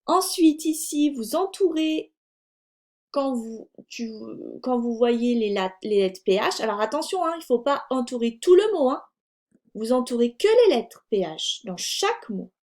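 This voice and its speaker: A woman's voice: fairly high pitch, big pitch swings, measured pace, darkish tone. A woman teaching young children in a French accent, patiently spelling out sounds and words one at a time. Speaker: primary school teacher. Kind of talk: slow, clear lesson for young children.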